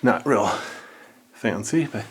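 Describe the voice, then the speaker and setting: A man's voice: lowish voice, animated, takes it slowly, noisy background. A man giving casual, unscripted vlog narration as he explores inside a cave, recorded on an action camera. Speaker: cave explorer filming his trip. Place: inside a cave, lava tube. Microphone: action camera mic.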